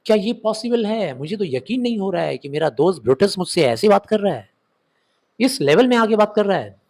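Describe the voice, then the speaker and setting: A man's voice: sits high, very animated, fairly quick, gravelly, darkish tone, voice pushed up, heavily acted. A man with an Indian English accent reading a hurt, hot-tempered Roman general who cannot believe his friend's words, in a disbelieving tone.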